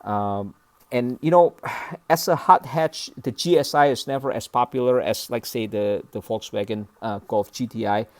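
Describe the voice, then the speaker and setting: In a dry recording, a man from Indonesia reviews model cars off the cuff, talking at normal speed in a mid-range voice. His speech comes in short, hesitant, broken bits, frequently checked with a quick questioning tag.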